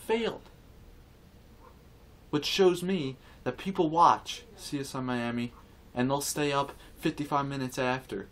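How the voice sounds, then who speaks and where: Man, mid-pitched, casual rant to camera; rambling, repetitive, indignant and earnest. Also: measured pace, a bit bright. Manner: rambling, repetitive, with many restarts and fillers. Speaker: vlogger.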